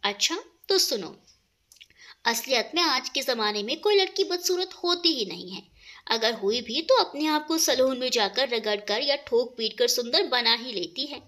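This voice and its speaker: Romantic young guy, earnest and sweet, woman reading him in a high lively voice. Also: normal speed, exaggerated voice.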